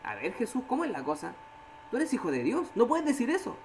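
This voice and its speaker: A Chilean woman teaches a Bible study in a church, her fairly high voice rising and falling a great deal as she acts out the people she quotes. She keeps turning to her listeners with little questions. A faint hum sits under the recording. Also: brisk, low-quality recording. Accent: Chilean Spanish. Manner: animated, acts out quoted voices, asks "¿cierto?" often.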